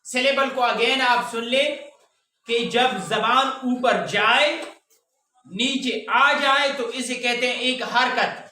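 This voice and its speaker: Male classroom teacher, deliberate syllable-by-syllable delivery, heavy room echo, distant mic. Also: very high voice, steady tone, bright, forceful tone. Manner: stretches words out slowly syllable by syllable, quizzes the class. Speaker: English teacher. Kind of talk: classroom pronunciation lesson. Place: echoey classroom with students. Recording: very echoey room, voice from far off.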